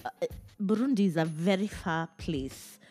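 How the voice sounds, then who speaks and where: A woman hosting a chatty interview show, speaking in an expressive, conversational way with short reactions to her guest. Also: lowish voice, a little slow, breathy edge, soft background music. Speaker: show host.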